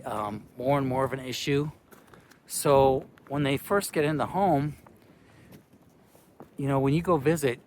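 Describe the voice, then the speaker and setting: A man's voice: mid-range voice, slight background noise. A middle-aged man, a retired care worker, giving casual, rambling advice with many fillers, a bit out of breath. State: slightly out of breath. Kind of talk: casual advice talk to camera.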